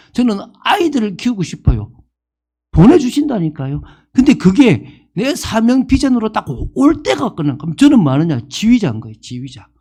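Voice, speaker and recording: A man's voice: sits high, mellow, slightly rough. A man in his fifties preaching a sermon as pastor, asking the congregation questions and acting out the people he quotes. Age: 50s.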